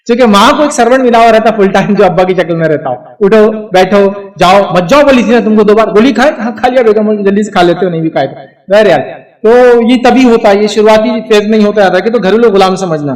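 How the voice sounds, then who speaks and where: A middle-aged man giving a religious advice talk to a live audience, emphatic and full of rhetorical check-ins. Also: high voice. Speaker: lecturer answering audience questions. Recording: voice picked up from a distance.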